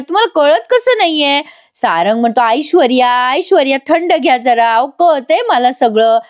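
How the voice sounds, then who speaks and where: A woman retelling a TV serial episode to her audience, acting out each character's lines in quick voices. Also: sits high. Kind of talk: animated storytelling recap of a TV serial.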